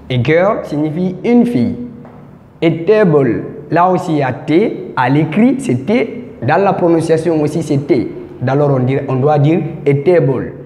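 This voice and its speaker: A man's voice: fairly high pitch, mellow. A man teaching an English grammar lesson in French, explaining patiently and repeating his key points. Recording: echoey room with long reverb.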